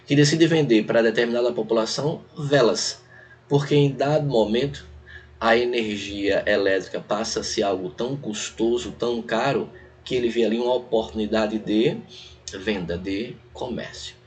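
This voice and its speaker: A man's voice: medium pitch, steady tone, normal speed. A man with a Brazilian Portuguese accent teaching an online exam-prep lecture. He talks in a conversational way, walks through a text point by point and keeps checking in with his students.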